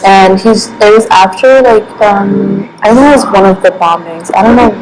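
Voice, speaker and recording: A woman's voice: medium pitch, moderate pace, background noise. A young woman answering interview questions casually, rambling with many fillers and restarts. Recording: background music.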